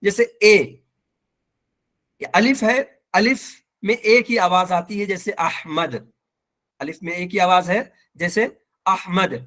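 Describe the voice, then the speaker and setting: A man teaching an online language lesson with a Pakistani accent, patient and repeating each example slowly. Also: high voice, a bit bright. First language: Urdu.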